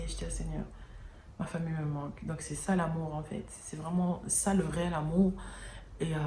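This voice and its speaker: A woman talks straight to camera in a casual, earnest way, her voice sitting a little low and halting often as she restarts her sentences. With no separate mic, the sound is roomy and echoey, and a faint hum of background noise runs underneath. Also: warm tone. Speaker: vlogger. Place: indoors near an airport, daytime. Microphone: no external mic, camera mic. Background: planes and sirens passing.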